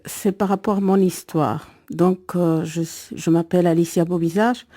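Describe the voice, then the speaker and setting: Woman, middle-aged, low and warm, telling a personal testimony. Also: fairly even intonation, no echo. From El Salvador. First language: Spanish. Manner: earnest, reflective, storytelling with pauses. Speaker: guest giving a faith testimony.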